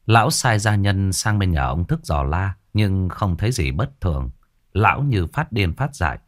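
A man narrating a ghost story in a dramatic, expressive way. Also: deep voice, normal speed.

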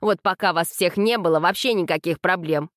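A woman's voice: fairly low pitch, fairly quick, a bit bright, no room sound, lightly acted. A woman reading aloud and voicing a defensive teenage boy who grumbles, close to her own voice. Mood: grumbling.

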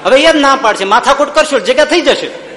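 A man voicing a stubborn, pushy man who loudly and indignantly argues to be let into heaven. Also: high-pitched, big pitch swings, unhurried, full character voice. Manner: loud, indignant and argumentative. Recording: echoey hall with faint ambience.

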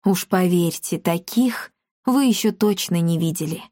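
A woman voicing a calm, concerned grown woman in a storybook reading. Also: lowish voice, a little slow, dry recording, clean studio sound. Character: worried thoughtful grown woman.

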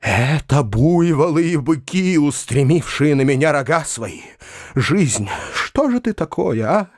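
A man's voice: fairly high pitch, very animated, a little slow, darkish tone, no room sound, studio quality, exaggerated voice. A man voicing a self-pitying male hanger-on who wails and declaims hysterically in a read-aloud story. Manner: wailing, declamatory.

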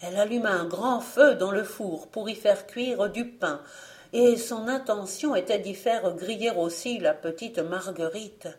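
A woman reading a fairy tale aloud as an audiobook narrator, slow and expressive. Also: medium pitch. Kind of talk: storybook reading.

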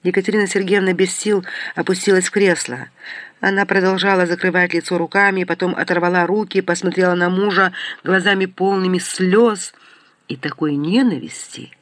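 A man reading a first-person detective story aloud, expressive and lively. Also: sits high, normal speed, no room sound. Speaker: audiobook narrator. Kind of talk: first-person audiobook narration.

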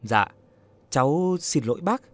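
A man voicing an earnest young woman in an audio story, asking in a soft, polite, coaxing way. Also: a little high, expressive, unhurried. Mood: gently probing.

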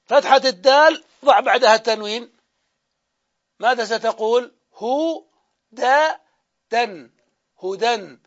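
High-voiced man lecturing on grammar, lo-fi. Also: fairly bright tone. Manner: explains step by step, asks and answers his own questions; drawn-out repetition of example words. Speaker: Arabic grammar teacher. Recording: dull lo-fi lecture recording.

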